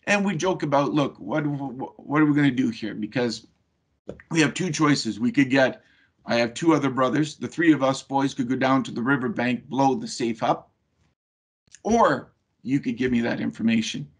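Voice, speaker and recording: Over a video call, a webinar presenter shares a personal story at a normal speed, his medium-pitched voice carrying a breathy edge. He keeps it conversational, with plenty of fillers.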